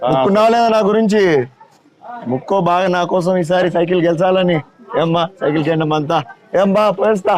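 Fast-talking high-voiced man canvassing outdoors. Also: a crowd in the background. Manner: familiar, coaxing, urging voters repeatedly. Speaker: campaigning politician. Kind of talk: door-to-door canvassing chat. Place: outdoors in a village street.

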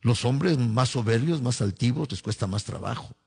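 A man's voice: mid-range voice, animated, normal speed, creaky, a little mellow, breathy edge. A man preaching a fervent sermon in Mexican Spanish, often calling his listeners brother. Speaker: pastor.

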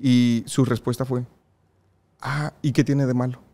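Young man, mexican accent, casual storytelling, laughs a lot, lively. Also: medium pitch, a little slow. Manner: lively, laughs often while telling stories. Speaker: podcast guest.

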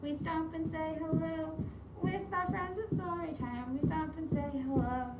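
A young woman leads preschool storytime in an indoor library room with large windows, giving small children simple, animated instructions between songs and read-alouds. Her extremely high, unhurried voice is slightly muffled by a face mask, and the camera a few metres away captures a roomy sound with clear background noise.

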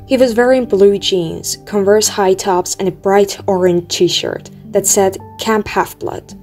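A woman reading an audiobook aloud in a steady, measured storytelling manner. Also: mid-range voice. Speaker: audiobook reader. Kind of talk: audiobook narration. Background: faint music.

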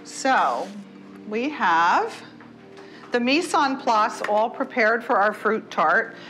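Here a middle-aged cooking-show host explains each stage of a dish in her home kitchen, friendly and clear, with background music. Her voice sits a little high with a fairly bright tone, captured in a low-quality recording.

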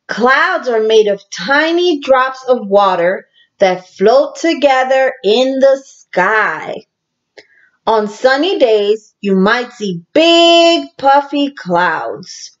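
This woman teacher's voice sits on the high side as she reads a picture book aloud to young children with deliberate, animated storytelling and asides to them. The audio sounds dull.

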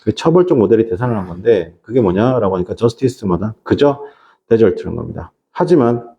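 A middle-aged man teaching an English reading class to high school students, often asking rhetorical questions. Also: creaky, dark tone. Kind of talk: classroom lecture.

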